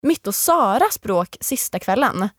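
A woman's voice: mid-range voice, husky, no room sound, clean studio sound. A young woman, a guest in an interview, telling a story with lots of energy and acting out what other people said. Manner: animated storytelling, acts out quoted lines. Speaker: guest, former reality show contestant.

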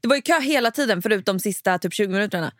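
A woman co-hosting a casual chat, telling stories animatedly and swearing freely, acting out her children's shouts. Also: medium pitch, animated, no echo, clean studio sound. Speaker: podcast co-host, mother of young children.

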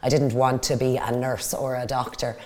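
A company executive from Dublin, Ireland, speaks with an Irish accent as a business guest in an interview, answering questions conversationally. Her voice is rumbling low and darkish, with little pitch movement, at a normal speed.

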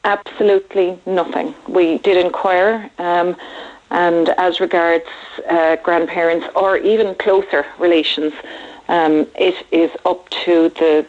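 A woman's voice: fairly low pitch, little pitch movement, a little slow. A woman calling a radio show over a landline phone, speaking earnestly and hesitantly with many fillers and restarts. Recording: dull lo-fi landline line.

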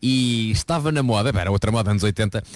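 Lively European Portuguese man telling stories. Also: lowish voice, fast, dry recording. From Lisbon, Portugal. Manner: animated storyteller, playful. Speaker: radio co-host. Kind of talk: morning radio chat. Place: radio studio.

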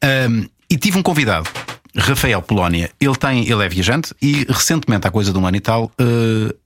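A man's voice: on the low side, a little fast, slight background noise. A man with a European Portuguese accent, chatting casually as a podcast host and telling a travel story at length. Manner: talkative, animated storyteller. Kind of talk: casual chat.

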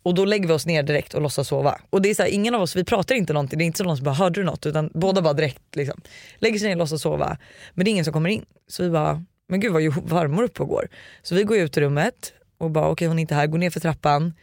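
Animated man telling a ghost story. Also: on the high side, no echo, studio quality. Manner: animated storyteller, acts out quotes. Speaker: podcast host. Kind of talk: casual podcast chat, telling ghost stories.

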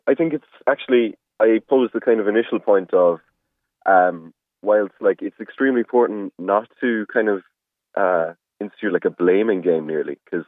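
Guy phoning into radio, deep voice, hesitant and polite, tinny muffled line. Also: no room sound. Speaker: radio phone-in caller. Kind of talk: tentative spoken argument. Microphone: phone. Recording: muffled narrow phone line.

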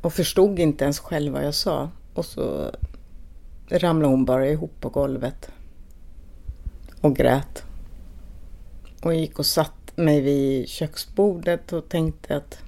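A middle-aged woman speaking haltingly and with quiet emotion as she recalls a personal loss. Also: sits low, fairly even intonation, vocal fry. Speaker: bereaved mother interviewed. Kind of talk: personal recollection.

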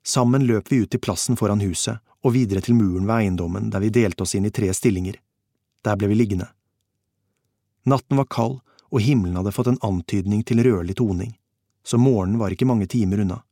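A man narrating a first-person audiobook in a steady, measured reading. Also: fairly low pitch, dry recording, studio quality.

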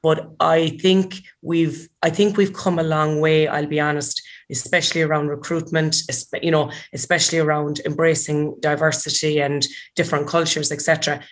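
A woman's voice: sits low, little pitch movement, moderate pace, hardly any pauses. A woman with a strong Kerry accent from the west of Ireland, talking as a panellist in a discussion. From County Kerry, Ireland.

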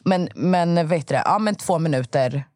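A woman co-hosting a casual podcast, telling stories in a lively way and acting out the voices of the people she quotes. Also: low-pitched, dry recording, clean studio sound. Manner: animated storyteller, acts out quoted voices. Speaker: podcast co-host. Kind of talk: casual chat.

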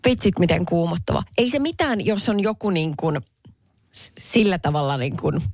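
A woman co-hosting a casual radio chat, talking expressively with quick, exasperated retorts. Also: fairly low pitch, animated, darkish tone, dry recording, clean studio sound. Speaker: radio host.

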